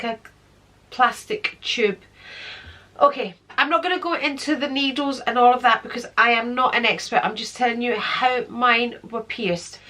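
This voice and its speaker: A middle-aged British beauty vlogger chats casually, a little congested from a cold, her voice on the high side with a sharp tone. She talks easily, counting things off and pointing things out.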